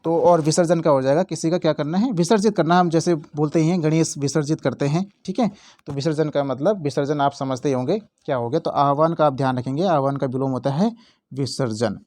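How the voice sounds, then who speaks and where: A young man with a fairly high voice, explaining quiz answers like an exam-prep tutor. He repeats points and keeps checking in with his listeners. His voice is close and dry, with no room sound. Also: fairly quick, a little mellow, dry recording. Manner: repetitive, checks in often with "theek hai".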